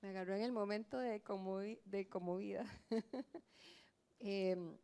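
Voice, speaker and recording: A woman's voice: medium pitch, unhurried, dark tone, clear, resonant tone. Heartfelt woman sharing her testimony. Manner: reflective, heartfelt. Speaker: guest giving a testimony. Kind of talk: personal testimony to a church audience.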